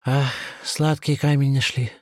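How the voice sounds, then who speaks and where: A man's voice: medium pitch, level tone, a little slow, a little mellow, dry recording, clean studio sound, voice pushed up, natural voice. A man voicing a cunning old village grandfather who speaks sly and gloating, in a storybook reading.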